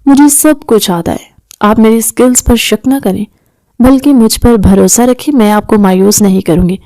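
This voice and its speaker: A woman reading a cheeky young hostage who teases her captor, playful and bratty. The voice is mellow and dark, with a dry, close sound. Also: a little high, no room sound, natural voice. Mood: teasing.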